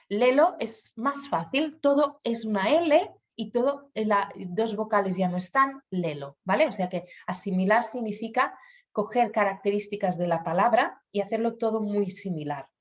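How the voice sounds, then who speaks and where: A woman's voice: medium pitch, lo-fi sound. A woman speech therapist patiently explaining children's speech sounds to parents, acting out the sounds aloud.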